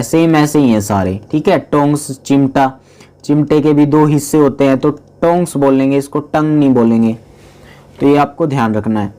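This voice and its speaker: A man's voice: fairly high pitch, darkish tone. A man teaching a grammar lesson, patiently explaining and often checking in with his students. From India. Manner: mixes in English terms, reads English lines slowly.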